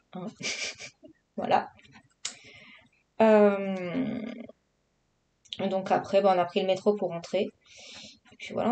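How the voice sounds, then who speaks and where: A woman's voice: lowish voice, warm tone, slight background noise. A woman from Marseille, chatting casually and rambling in her vlog with lots of fillers. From Marseille, southern France. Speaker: coloring vlogger. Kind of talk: casual chat.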